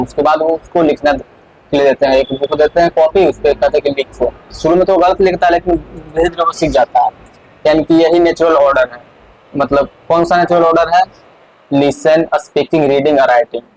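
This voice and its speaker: Slightly high-voiced man teaching a lesson. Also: a little hiss or hum, poor audio. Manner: explains step by step, repeats key points, frequent fillers. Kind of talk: exam-prep lesson.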